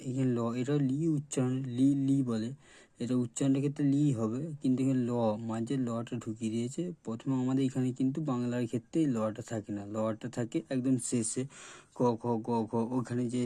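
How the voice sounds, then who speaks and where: A man's voice: medium pitch, dark tone, dry recording. A man with a Bengali accent teaching letters in a casual lesson, repeating sounds and pointing at each letter as he goes. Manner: plain, repetitive, stops to point at letters. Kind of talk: explaining letters at a board.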